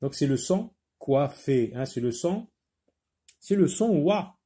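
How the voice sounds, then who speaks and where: A man teaching a phonics lesson, repeating words slowly and patiently, sometimes explaining in Arabic. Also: on the high side, lively intonation, mellow, slightly rough. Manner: switches briefly into Arabic to explain. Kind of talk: primary school phonics lesson.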